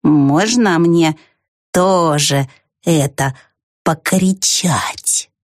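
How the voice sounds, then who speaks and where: A calm, peculiar female snail from a storybook, drawing each word out at a crawl. A woman does her voice in the reading. Her tone is quiet and unhurried, recorded dry and close. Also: low-pitched, no room sound, full character voice. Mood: slow and calm. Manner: very slow, drawn out, quiet.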